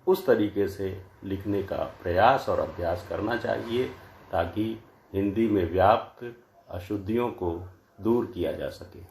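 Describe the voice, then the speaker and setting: Slow, deliberate man teaching Hindi grammar. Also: lowish voice, echoey room. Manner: slow, deliberate, says each word pair twice to contrast. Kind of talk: slide-based lecture.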